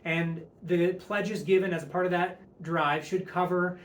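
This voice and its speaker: A man's voice: high-pitched, steady tone, a little slow, a little hiss or hum. A man giving an earnest, upbeat update speech to a church congregation as one of its leaders. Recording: echoey room.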